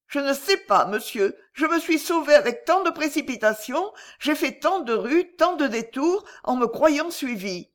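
A woman's voice: lively intonation, a little slow, few pauses. A woman putting on a desperate young girl's voice. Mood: distraught. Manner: high, breathless, pleading delivery. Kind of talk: audiobook character reading.

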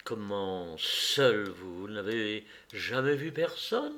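A man reading aloud as a curious, lonely young woman in a story, slow and questioning, with a gravelly voice. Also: lowish voice, sing-song, a bit bright, pitched below the performer's own voice, heavily acted.

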